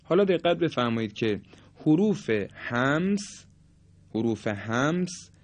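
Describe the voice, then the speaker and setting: A man teaching a lesson on how letters are pronounced, speaking deliberately and politely and sounding out examples aloud. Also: a little high, very animated. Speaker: Quran recitation teacher. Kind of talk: explanatory lesson on letter articulation.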